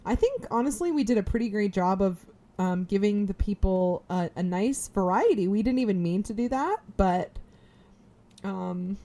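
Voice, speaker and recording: A young adult woman co-hosting a podcast in casual chat, animated and exclaiming, humming tunes. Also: mid-range voice, moderate pace. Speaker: podcast co-host.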